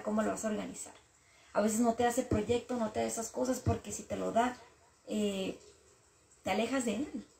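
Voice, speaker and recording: Woman vlogger reflecting on faith, kinda gravelly and mellow, echoey room. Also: a little high, a little hiss or hum. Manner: earnest, repetitive, talks through her frustrations with God.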